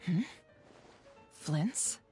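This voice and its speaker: A woman voicing a cool, inquisitive investigator in a video game, with a measured, musing manner. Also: warm tone, soft background music. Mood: curious, suspicious.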